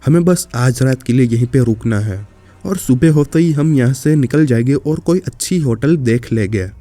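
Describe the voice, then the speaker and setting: A man voicing a practical young woman traveller, calm and matter-of-fact, in a horror story. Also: mid-range voice, normal speed, close to an everyday voice.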